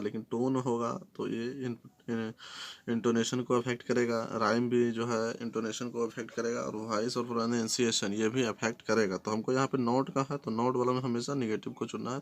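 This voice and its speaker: Guy tutoring exam questions, reads bits slow, keeps saying hai na, mid pitch. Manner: explains in Hindi, reads questions in English, keeps adding "है ना".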